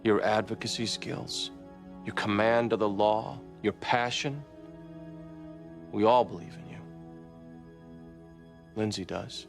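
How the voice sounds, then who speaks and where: An actor playing a seasoned senior lawyer who coaches a younger colleague in a steady, measured, reassuring way. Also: male voice, lowish voice, creaky, faint music behind. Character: calm seasoned male senior lawyer, mentoring. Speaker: senior defense attorney coaching a junior. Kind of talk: TV legal drama acting.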